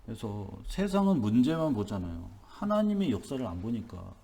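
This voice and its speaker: A man's voice: medium pitch, very animated, moderate pace, gravelly, dark tone. A male pastor giving an early-morning sermon, emphatic and repetitive, asking rhetorical questions. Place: church.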